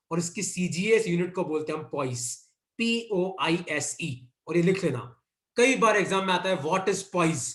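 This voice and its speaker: Male physics teacher, Indian accent, high voice, roomy echo; dictates notes to an online class. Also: fairly bright tone. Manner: repeats dictation cues, mixes Hindi and English.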